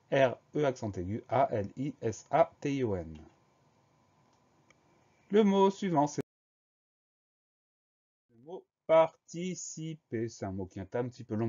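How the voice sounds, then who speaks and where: A man's voice: medium pitch, dark tone, dull audio. A man teaching a spelling lesson, carefully spelling out words letter by letter.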